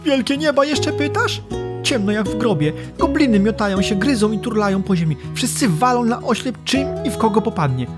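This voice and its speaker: A man's voice: sits high, lively intonation, a little fast, loud music behind the voice, pitched above the performer's own voice. A man reading aloud as an indignant male dwarf defending himself. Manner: agitated, exclaiming.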